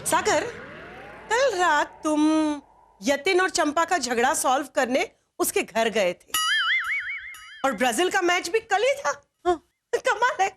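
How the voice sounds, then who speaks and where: A woman's voice: very high voice, sing-song, slow, long pauses, music in the background, full character voice. An actress playing a powerful mother-in-law questioning her son in a TV serial. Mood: suspicious. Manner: interrogating, then doting. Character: politically prominent mother-in-law, stern. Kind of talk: TV serial acting.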